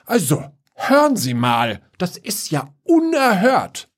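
A man doing a shrill, scolding old widow. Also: big pitch swings, normal speed. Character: cranky old widow at a grave.

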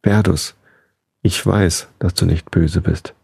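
A man's voice: deep voice, steady tone, slow pace, creaky, a little mellow, slightly rough, dry recording, full character voice. A man voicing a brave, stubborn young boy who speaks earnestly to a dragon.

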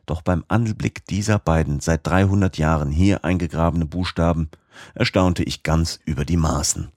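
A man narrating a classic novel in the first person, in a measured, literary reading. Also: low voice, darkish tone, dry recording, clean studio sound. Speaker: audiobook narrator.

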